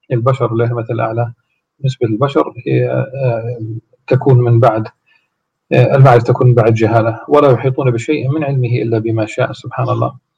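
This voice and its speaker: A man with a gravelly, husky voice gives a religious lesson, moving from recited salutations into a slow explanation broken by many drawn-out pauses. His pitch stays flat and even throughout. The recording sounds dull and lo-fi. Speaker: religious teacher.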